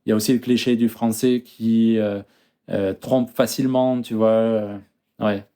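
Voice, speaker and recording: French guy in his 30s, guest on an interview, lots of euh and restarts, mellow low tone. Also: steady tone, unhurried, clean tone. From France. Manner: hesitant, many fillers and restarts. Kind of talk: casual interview chat.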